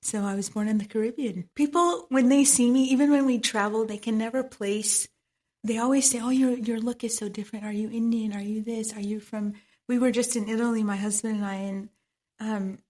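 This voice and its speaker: A podcast interview features a medical esthetician from Trinidad, whose Trinidadian-accented voice is a little high with a darkish tone. She talks fairly quickly with fairly even intonation, reflective and often laughing.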